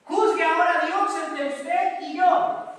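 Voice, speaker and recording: A man's voice: extremely high pitch, takes it slowly, a bit bright, slight background noise, pitched above the performer's own voice, heavily acted. A man voicing a young male warrior who pleads with his king, in a fervent preacher's retelling. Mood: pleading. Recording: echoey hall from far off.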